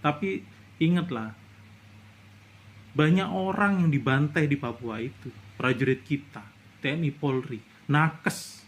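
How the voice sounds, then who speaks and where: A man's voice: on the high side, measured pace, pauses often. A middle-aged man from Indonesia giving a casual commentary monologue, indignant and lecturing, his voice rising into outbursts. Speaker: vlogger.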